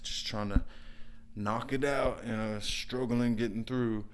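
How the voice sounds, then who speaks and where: A man with a mid-range voice speaks at a measured pace, a guest on a casual storytelling interview about his work as a brick and mortar contractor. He's relaxed and rambling, full of "you know" and "like," and acts out an angry customer in quoted bursts.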